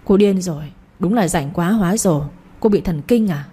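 A woman's voice: fairly low pitch, normal speed, warm tone, husky. A woman voicing an angry young husband who scolds his wife sharply in a read-aloud story.

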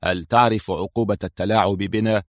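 A man's voice: deep voice, a little fast, no echo, clean studio sound, pitched below the performer's own voice. A man voicing a cold, stern male intelligence officer who speaks curtly, in a storybook reading. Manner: cold and curt.

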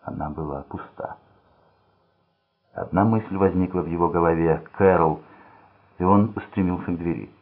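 A man narrating a thriller audiobook in a steady, measured reading voice. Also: sits low, slightly rough. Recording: tinny phone-like sound.

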